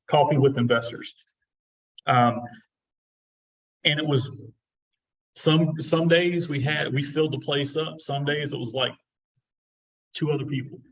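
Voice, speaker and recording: A man's voice: mid-range voice, a bit bright, far from the mic, dull audio. A middle-aged man who works as a real estate investor, giving casual, encouraging advice and often repeating his words.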